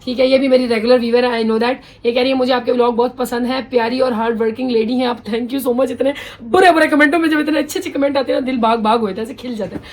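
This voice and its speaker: A woman's voice: fairly high pitch, steady tone, a little mellow. A woman, chatting bluntly and readily as she reads viewer comments in a home vlog. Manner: talkative, blunt, quick-tongued. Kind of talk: casual chat.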